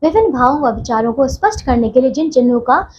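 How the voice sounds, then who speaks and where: A woman's voice: high voice, expressive, fast, muffled recording, a little hiss or hum. A woman teacher giving a grammar lesson to young children, patient, often repeating and checking that they understand.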